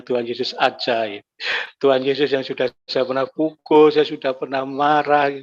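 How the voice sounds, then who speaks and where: A man telling his personal faith testimony, emotional, his voice climbing high when he recalls anger and grief. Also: fairly bright tone. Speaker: guest giving a testimony. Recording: dull lo-fi recording.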